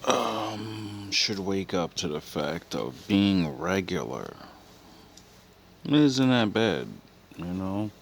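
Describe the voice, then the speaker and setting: Reacting to quotes from film villains, a low-pitched man muses philosophically in a casual, reflective monologue, animated and drawing out his words. His thoughts often trail off, and background noise is clearly audible.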